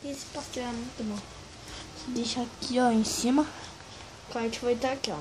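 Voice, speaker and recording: A woman vlogger giving casual, excitable commentary full of exclamations while she plays. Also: a little high, normal speed, very noisy. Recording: loud music playing over the voice.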